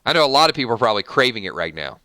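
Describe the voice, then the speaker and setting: A man with a Southern accent chats casually on his livestream, reading out viewer comments and laughing easily. His voice is bright and smooth, and the sound is close and dry, with no room echo. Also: mid-range voice, very fast. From Georgia, US South. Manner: chatty, laughs easily, animated. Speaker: livestream host.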